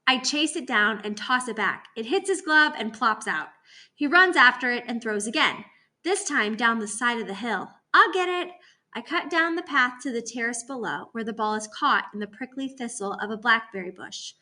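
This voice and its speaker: Woman teacher, storybook read-aloud, bright tone, fairly high, expressive. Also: normal speed. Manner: expressive, voices the dialogue. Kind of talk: reading a novel aloud.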